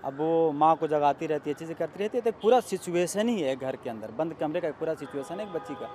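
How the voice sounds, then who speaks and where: A man giving a measured, explanatory review of a film in a street interview. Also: on the high side, animated, a little mellow. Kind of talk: street vox-pop interview. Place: outdoors on a city street. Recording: faint street noise outdoors.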